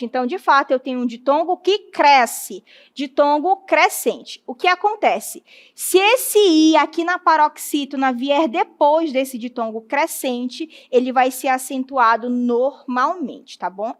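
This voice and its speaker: Woman, Brazilian Portuguese accent, high voice, teacher, step-by-step explaining, stretched-out syllables. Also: fairly bright tone. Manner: explains step by step, checks in with the class; drawn-out spelling of syllables. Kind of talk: classroom lesson.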